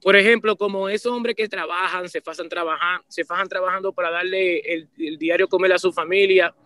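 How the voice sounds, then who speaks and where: A man's voice: high voice, steady tone, fairly quick, pushed and bright, no echo. A man, a band leader talking passionately in an interview, repeating himself and restarting phrases. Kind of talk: casual interview talk.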